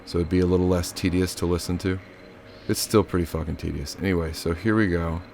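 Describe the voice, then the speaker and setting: A man's voice: low-pitched, flat delivery, fast talker, gravelly, darkish tone, a little hiss or hum. A man giving a loose, chatty hands-on synth tutorial, cracking offhand jokes and the odd swear word. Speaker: synth module demonstrator.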